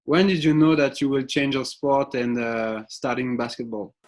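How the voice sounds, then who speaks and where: A male interviewer asking questions in a halting way, with frequent hesitations. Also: mid-range voice, steady tone. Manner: halting, with many "uh" fillers.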